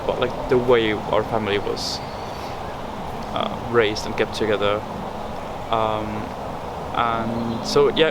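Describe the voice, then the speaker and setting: A young man from Estonia giving thoughtful, rambling answers in an interview, full of fillers and restarts. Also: lowish voice. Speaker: research interviewee. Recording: loud background noise, urban outdoor hum.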